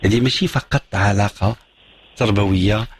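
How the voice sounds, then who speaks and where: A man's voice: fairly low pitch, steady tone, normal speed, a little hiss or hum. A middle-aged man with a Moroccan accent hosting a call-in radio advice show, lecturing with emphatic repetition and French phrases. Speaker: radio psychologist host.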